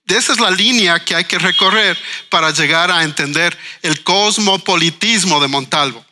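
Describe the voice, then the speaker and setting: A man's voice: high voice, bright, forceful tone. A man, a writer and educator speaking earnestly in a panel discussion, asking questions and repeating words as he thinks. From Ecuador. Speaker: writer and cultural manager guest.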